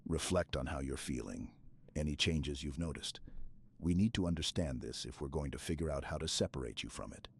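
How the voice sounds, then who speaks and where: A man voices a very deep-voiced, stoic super-soldier, a calm, protective armored commander, in an ASMR roleplay that plays as a scripted dramatic monologue. His heavily acted delivery is brisk, steady, clipped, and military, with a reassuring, steady mood. Background ambience is clearly audible.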